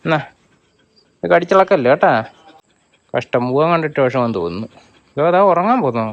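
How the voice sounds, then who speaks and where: A man with a high voice talks casually at home, coaxing his pet over again and again. He soothes it and teases it gently in turn, in a light, chatty home-video manner. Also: expressive, a little fast, no room sound, muffled recording. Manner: coaxing and calling a dog, soothing and teasing. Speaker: dog owner filming his pet.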